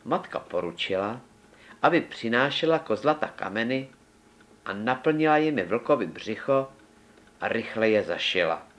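Man, storybook narrator, fairy tale reading, measured, very lively intonation. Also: medium pitch.

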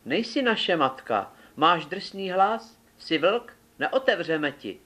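Little goat kids in a storybook, their voices pushed up high and piping, insistent and easily scared, as a male narrator puts them on. They sound lively and small. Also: full character voice.

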